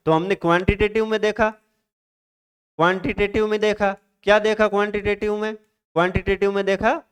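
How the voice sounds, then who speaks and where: A man's voice: sits high, clear, resonant tone. A man teaching a lecture on poetic meter, asking his own questions and answering them, with English terms mixed in. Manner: mixes English terms into Hindi.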